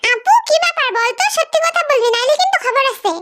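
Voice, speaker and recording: Very high, quick woman comic dubber. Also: lively intonation, fairly bright tone. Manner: scolding, exclaiming, quick to laugh. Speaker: fan dubber voicing several characters. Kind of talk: comedic fan dubbing.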